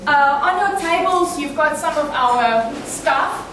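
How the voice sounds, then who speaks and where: A high-voiced South African woman with a Dutch-tinged accent talks fast and jokes at her own expense. She speaks without a microphone in a cramped room. She is heard from across the room, with strong echo and clear chatter behind her. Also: lively intonation, a bit bright, slight background noise. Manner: fast, chatty and self-joking. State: nervous. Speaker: business speaker. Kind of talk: live presentation to a breakfast audience. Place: cramped room at a breakfast event. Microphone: no microphone, picked up from across the room. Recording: echoey room from far off with chatter.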